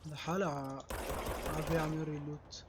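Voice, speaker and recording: A man's voice: on the high side, little pitch movement, moderate pace, heavy background noise. A man commentating casually on a video game as he plays, reacting aloud to what happens. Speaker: gameplay commentator.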